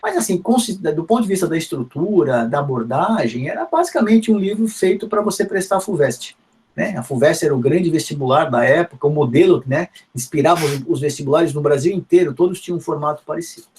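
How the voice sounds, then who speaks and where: Paulistano professor, conversational lecture. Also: male voice, fairly high pitch, lively intonation, fairly quick, a little mellow, slight background noise. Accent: Paulistano Portuguese. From São Paulo, Brazil. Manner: conversational, frequent tag questions and restarts. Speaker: guest lecturer, physics education professor. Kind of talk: university lecture.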